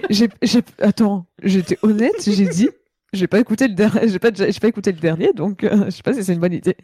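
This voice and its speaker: Casual podcast panelist: woman, twenties, hoarse gravelly voice from a cold, mellow dark tone, close dry sound. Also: mid-range voice, brisk, no echo. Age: 20s. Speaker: podcast panelist reading out reviews. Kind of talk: casual chat.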